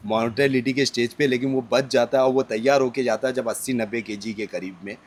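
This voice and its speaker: Man, Indian accent, goat farm owner, emphatic, clipped phrases, mid pitch, faint outdoor noise. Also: fairly even intonation, fairly quick. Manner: emphatic, insistent, speaks in short clipped phrases. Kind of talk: casual interview on a farm.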